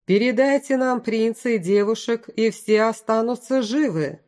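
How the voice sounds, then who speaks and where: A stern male general issues his ultimatum in a firm, steady voice, read by a woman narrator. The tone is mellow and dark rather than sharp. It suits an audiobook. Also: fairly high pitch, moderate pace, voice pushed up, lightly acted. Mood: commanding. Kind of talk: audiobook character voice.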